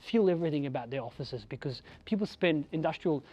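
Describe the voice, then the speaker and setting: Aussie guy giving a sweary keynote, high-ish voice, bossy, music faint behind. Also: quick pace, darkish tone, breathy edge, dull audio. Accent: Australian. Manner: blunt, swears freely, emphatic commands. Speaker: keynote speaker. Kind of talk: motivational talk to an audience.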